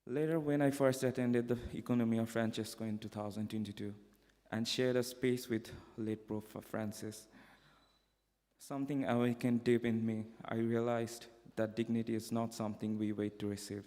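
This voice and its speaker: A young man from Bangladesh giving a prepared personal testimony at a conference, in a measured, earnest delivery with occasional restarts. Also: medium pitch, fairly even intonation, warm tone. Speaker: conference speaker. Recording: echoey hall reverb.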